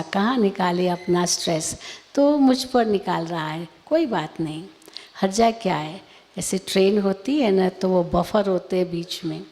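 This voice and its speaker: A woman gives a spiritual talk as a teacher answering questions. She speaks at an unhurried, measured pace and explains patiently through homely examples and rhetorical questions. Her voice carries a long reverb, as in a large hall. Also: mid-range voice, darkish tone.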